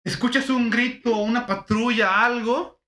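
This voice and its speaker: High-pitched Mexican man, slangy street talk. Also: fairly even intonation, unhurried, sharp tone. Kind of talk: casual chat, telling anecdotes. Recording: echoey room.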